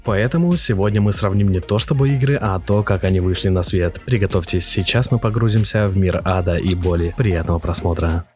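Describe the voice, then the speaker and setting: A man's voice: low voice, fairly quick, hardly any pauses, darkish tone. A man narrating a scripted, opinionated video essay as a game reviewer. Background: faint music.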